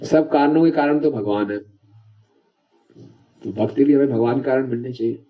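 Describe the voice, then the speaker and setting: A man's voice: medium pitch, moderate pace. A man giving a devotional lecture, chatty and often checking that the audience follows. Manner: conversational, checks understanding with the audience. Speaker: preacher. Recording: dull lo-fi lecture recording.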